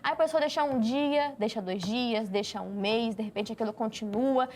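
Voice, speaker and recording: A woman with a clearly high voice, speaking as a guest on a devotional podcast. She exhorts and encourages her listeners much like a preacher, building her points with repeated phrases. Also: moderate pace, darkish tone. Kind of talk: casual devotional podcast chat.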